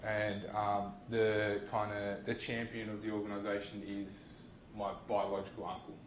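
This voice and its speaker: A young Australian man giving an informal university lecture, talking in a relaxed and conversational way with many ums and restarts. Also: on the low side, moderate pace, roomy sound, noisy background. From New South Wales, Australia. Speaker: guest lecturer.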